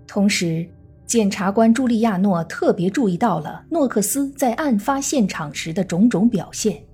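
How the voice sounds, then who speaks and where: A woman true crime narrator reading a scripted case story in a measured storytelling manner. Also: mid-range voice, expressive, dark tone, slightly rough. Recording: faint music under the voice. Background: faint background music.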